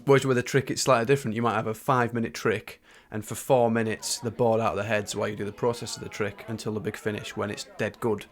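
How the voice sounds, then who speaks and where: A man's voice: on the low side, level tone, fast talker, hardly any pauses. An English man narrating his own career story in a candid, colloquial, self-deprecating way. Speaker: stand-up comedian and former magician. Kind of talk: conversational video narration about own career. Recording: music playing behind the voice. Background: background music.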